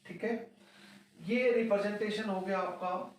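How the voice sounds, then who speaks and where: A man with a high voice lectures a class at a slow, deliberate pace, dictating definitions word by word. His voice comes from far off in a very echoey room. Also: steady tone. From India. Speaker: chemistry teacher.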